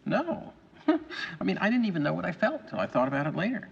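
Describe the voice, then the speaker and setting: An actor playing a wry, anxious middle-aged stage actor, telling rambling, self-mocking stories in film dialogue. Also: male voice, high voice, very animated, fairly quick, gravelly, muffled recording, full character voice.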